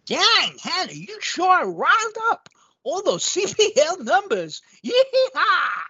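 A high voice playing a whiny young male prosecutor who talks in folksy country slang. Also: huge pitch swings, unhurried, pushed and bright, heavily acted. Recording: muffled lo-fi audio.

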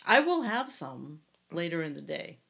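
A woman's voice: low-pitched, big pitch swings, normal speed, vocal fry, sharp tone. A woman co-hosting a casual podcast, giving brief, laid-back replies. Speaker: podcast co-host. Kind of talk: casual chat.

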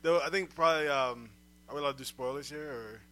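A man's voice: a little high, quick pace, crowd noise. A man co-hosting a casual chat among friends, who laughs often and acts out lines from a film. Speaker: podcast co-host.

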